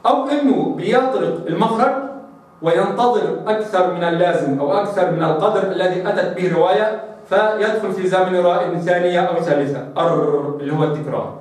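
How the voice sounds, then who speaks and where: A man teaches pronunciation in a fairly high voice, pausing to demonstrate each sound himself. He urges the listener to copy him. His voice rings in a very echoey room, picked up from some distance away. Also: a little mellow. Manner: demonstrates sounds, repeats rolled r aloud; addresses listener as brother, asks them to try. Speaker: Quran recitation teacher. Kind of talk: explanatory lesson on pronunciation.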